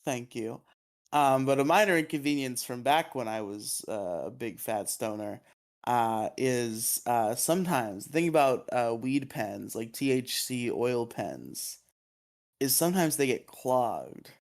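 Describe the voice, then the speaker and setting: A man's voice: mid-range voice, expressive, unhurried, vocal fry. A man co-hosting a podcast in casual chat, sleepy and yawning, rambling with lots of fillers. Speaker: podcast co-host.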